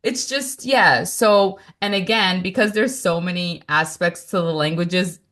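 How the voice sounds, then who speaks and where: Speaking at a measured pace in a fairly low voice, this Moroccan podcast co-host, whose mother tongue is Moroccan Arabic, narrates a family story in casual conversation. She's animated and emphatic and laughs a lot.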